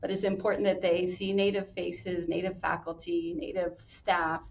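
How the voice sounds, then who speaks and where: A woman's voice: lowish voice, little pitch movement, normal speed, gravelly. A woman university administrator answering interview questions, recorded from a distance with a dull, slightly noisy sound.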